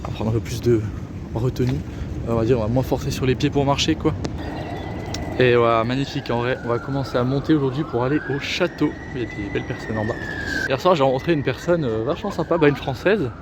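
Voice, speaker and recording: A male travel vlogger talks into a handheld camera as he walks through a city and shows a hostel room. He is chatty and enthusiastic, stacking up fillers, and sounds worn out from a long day on his feet. Street and city noise stays clearly audible behind him. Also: mid-range voice, fast. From France. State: tired, sore feet. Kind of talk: casual travel vlog. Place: outdoors in a city and indoors in a hostel.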